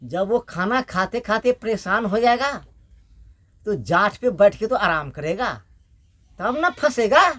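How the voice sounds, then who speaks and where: A boastful, simple-minded goat-herd youth from a village folk tale, as a male storyteller puts him on. He blurts out loud, eager exclamations. The telling stays slow and heavy. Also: high-pitched, big pitch swings, exaggerated voice.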